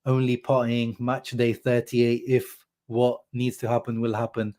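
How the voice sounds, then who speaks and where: Speaking a little slowly in a mid-range voice, this young football fan channel host has a sore throat as he reacts to a match live. He chats casually through viewers' comments, animated and talkative, leaning heavily on "bro" and "like."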